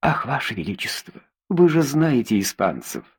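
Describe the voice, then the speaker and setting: A man voicing a charming young nobleman in an audiobook, speaking glibly and with flattery. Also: medium pitch, unhurried, husky, heavily acted. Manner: glib and flattering.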